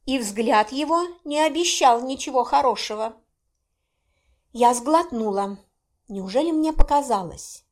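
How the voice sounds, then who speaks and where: A woman narrating a first-person fantasy audiobook in an expressive, animated reading. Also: a little high.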